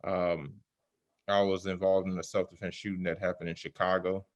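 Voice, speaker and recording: A man talking through a mask that muffles him, giving a halting, conversational personal account in an interview. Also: low voice, little pitch movement. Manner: halting, pausing often with "you know". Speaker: interview guest, self-defense shooting survivor.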